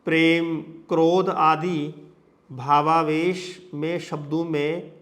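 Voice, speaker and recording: A man's voice: a little high, flat delivery, very slow, fairly bright tone. A man teaching a lesson on sound change, explaining step by step through long lists of examples and frequent tag questions. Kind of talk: lecture on phonetics.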